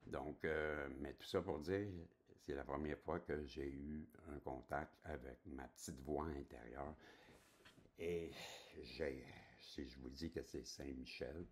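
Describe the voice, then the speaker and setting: A man's voice: extremely low pitch, steady tone, slow. A man in his sixties with a Québécois accent, telling a personal story in a rambling, chatty way and checking that viewers follow. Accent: Québécois French. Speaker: spiritual channel host.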